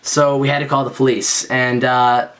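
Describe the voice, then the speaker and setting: A man's voice: mid-range voice, flat delivery, normal speed, fairly bright tone. Rambling, self-mocking young man. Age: young adult. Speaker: storyteller. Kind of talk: casual spoken anecdote.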